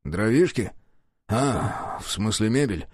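A man's voice: on the low side, lively intonation, takes it slowly, slightly rough, no room sound, exaggerated voice. Man doing a scared shifty young cop, whiny and pleading, dry close sound. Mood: evasive. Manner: evasive, whining, pleading. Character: cowardly corrupt young male police officer.

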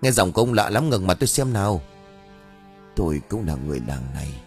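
A man voicing a frightened young village man who asks quick, agitated questions. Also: deep voice, big pitch swings, a little mellow, soft background music. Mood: suspicious.

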